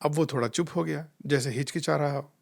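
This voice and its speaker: Male spiritual speaker, gentle storyteller, voice a touch high, easy and unhurried. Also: vocal fry. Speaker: spiritual life coach. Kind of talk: calm reflective spiritual talk with anecdotes.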